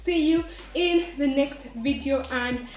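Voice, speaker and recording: A high-voiced woman coaches a home workout, counting reps aloud and cheering the listener on. She sounds a little away from the mic, in a roomy, echoing space with faint music underneath. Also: slow, far from the mic. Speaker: fitness instructor.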